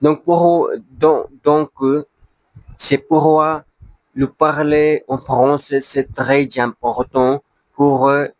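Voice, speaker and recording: A man who is a beginner learner, speaking broken French with a non-native accent in a casual monologue, halting to search for words and repeating them. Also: on the high side, level tone, no room sound, poor audio. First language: not French, a beginner learner of French. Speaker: language learner.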